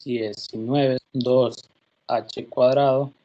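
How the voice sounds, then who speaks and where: A math teacher dictating formulas slowly on a video call, the audio choppy and glitching as it breaks up. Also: medium pitch, fairly even intonation, warm tone, dull audio. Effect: choppy, glitchy dropping-out audio. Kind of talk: online class on a video call.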